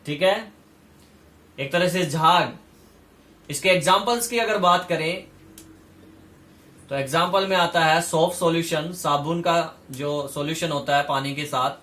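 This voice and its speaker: A man with a high-pitched voice teaches chemistry as a classroom lecture, walking through each idea step by step and repeating the key terms. He sounds set back from the mic, in a room with a noticeable echo. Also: measured pace, long pauses, bright, forceful tone, recorded from a distance.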